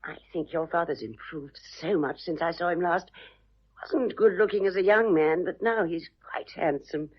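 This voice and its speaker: A woman voicing a flighty, gushing older mother who chatters on in a husky voice. The radio play recording sounds dull and lo-fi. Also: lowish voice, moderate pace.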